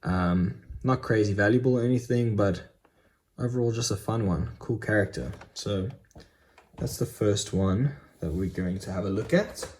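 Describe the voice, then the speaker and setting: A man's voice: fairly low pitch, moderate pace, darkish tone, slight background noise. A young man casually chatting through his collectible purchases in a vlog, enthusiastic with frequent ums. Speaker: Funko Pop collector vlogger.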